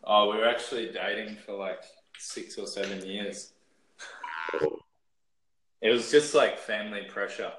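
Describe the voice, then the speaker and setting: A man's voice: lowish voice, a little slow, long pauses, a bit bright. A man with a North Queensland Australian accent, chatting casually and joking. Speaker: guest in a chat with a stranger. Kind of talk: casual chat. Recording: echoey kitchen with cooking noise.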